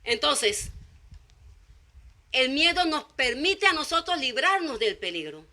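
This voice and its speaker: Bright-voiced woman preaching a sermon. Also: sits high, sing-song, slow pace. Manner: emphatic repetition, acts out quoted dialogue.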